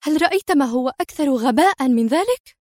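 Narrator putting on a high fast-talking mafia queen, bossy and furious, dry audiobook. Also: expressive, darkish tone, no echo. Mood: indignant. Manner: shrill, rapid outbursts. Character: furious female mafia boss, sharp-tongued.

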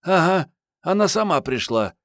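A man's voice: on the high side, big pitch swings, normal speed, fairly bright tone, dry recording, clean studio sound, voice pushed up. Man putting on a brash, sassy young woman. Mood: teasing. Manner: mocking, bold, coarse banter.

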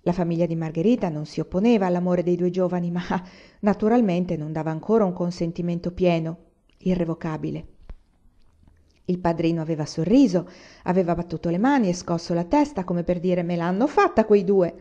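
A woman narrating a literary audiobook in a measured, expressive way, on a dull lo-fi recording. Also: lowish voice. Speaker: audiobook reader.

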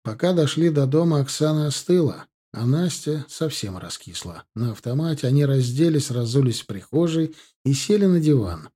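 A man narrating a story as an audiobook reader, measured and even. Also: mid-range voice, slightly rough. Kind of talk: scripted narration.

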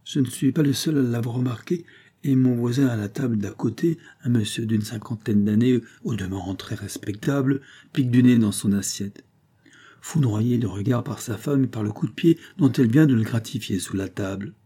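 A man reading a novel aloud in the first person, with a measured, intimate delivery. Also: mid-range voice, dark tone, slightly rough. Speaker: audiobook narrator. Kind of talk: scripted novel narration.

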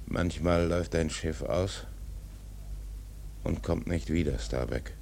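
Gravelly old whaling captain, very deep. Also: male voice, darkish tone, exaggerated voice. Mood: brooding, weary. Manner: slow, brooding, dramatic. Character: obsessed, doomed old whaling captain, brooding and commanding. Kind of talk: radio drama acting.

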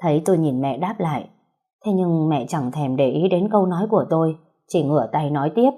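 A woman reading a sad family story aloud in a steady, emotive narration. Her voice is low-pitched, mellow and dark, with a husky edge. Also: brisk. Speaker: audiobook narrator.

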